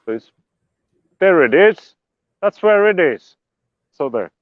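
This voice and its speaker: A man's voice: high voice, very animated, slow, no room sound. Rambling man on a lo-fi phone. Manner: rambling, jokey, with playful sound effects. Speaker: show regular giving a homestead tour. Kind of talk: casual livestream walking tour. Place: outdoors on a rural property.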